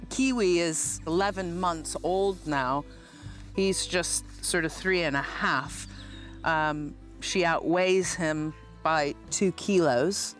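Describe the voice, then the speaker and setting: A woman who works at an animal park, speaking informally and a little haltingly in a documentary interview. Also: lowish voice. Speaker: animal park staff leader.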